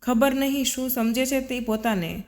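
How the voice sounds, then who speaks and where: A woman voicing a proud, headstrong young wife who speaks with sharp, indignant reproach, in a storybook reading. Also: sits high, moderate pace. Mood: furious. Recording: long reverb.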